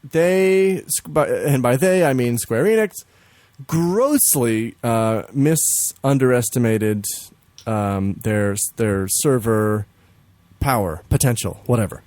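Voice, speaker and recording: A man co-hosting a podcast in casual chat, swearing freely, laughing often and jumping into high silly voices to mimic games. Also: animated, slow, a little mellow, no echo. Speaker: podcast co-host.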